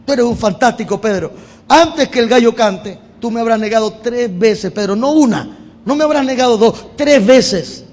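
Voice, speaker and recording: A man voicing Jesus as a patient but firm teacher, gently scolding in plain words with a Venezuelan accent. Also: extremely high pitch, normal speed, long reverb tail. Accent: Venezuelan Spanish.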